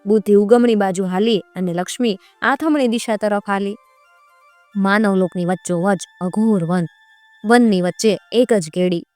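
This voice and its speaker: A woman telling a folk tale in a measured, rhythmic way. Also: medium pitch, darkish tone, faint music behind. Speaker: storyteller.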